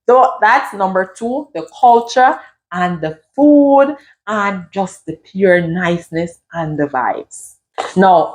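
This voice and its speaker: A middle-aged woman from Jamaica with a Jamaican accent, talking casually to camera as a vlogger and slipping into patois phrases. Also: mid-range voice. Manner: lively, switches into patois phrases.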